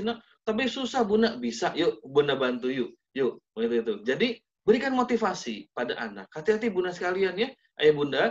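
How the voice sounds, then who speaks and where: Animated preacher over a dull video call. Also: male voice, on the high side. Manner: animated, acts out parent-child dialogues in changing voices. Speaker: Islamic preacher giving a parenting talk. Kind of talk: lively advice talk over video call.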